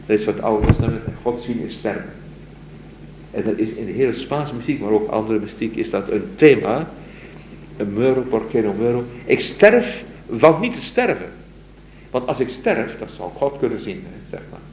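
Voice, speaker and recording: A man giving a lecture, reading verses slowly and emphatically and then explaining them in a conversational aside, often adding a tag word "hè". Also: fairly low pitch, warm tone, echoey room, slight background noise, low-quality recording. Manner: frequent tag "hè" while explaining.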